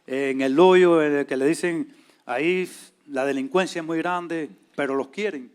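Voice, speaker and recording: A man, telling his testimony in a lively way and acting out the voices of people in his story. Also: a little high, moderate pace, clean tone. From Cuba. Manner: animated, acts out quoted voices. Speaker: church servant leader, guest.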